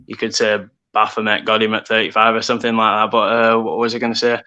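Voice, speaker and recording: Guy, 30s, pretty monotone but bright voice, rambles on about number stuff. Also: on the low side, quick pace, muffled recording. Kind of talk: casual chat.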